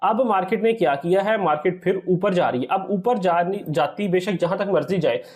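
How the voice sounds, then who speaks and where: High-pitched guy w/ walking thru trading charts, keeps saying theek hai. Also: normal speed, a little mellow. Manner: explanatory, repeats "theek hai" often; addresses viewers as "sir". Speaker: trading teacher. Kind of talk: screen-recorded trading tutorial.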